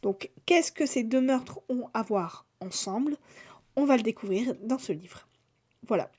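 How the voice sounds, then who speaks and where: A woman's voice: on the high side, animated, measured pace, a little mellow. A woman chatting casually through a book haul, summarizing plots with fillers and restarts. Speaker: book vlogger.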